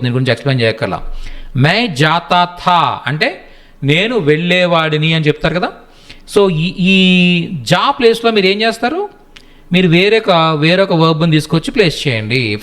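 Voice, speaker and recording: A man teaching a language lesson. He keeps checking whether the learner follows, and he slows down to sound out each example sentence. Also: on the high side, fairly bright tone. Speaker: Hindi tutor.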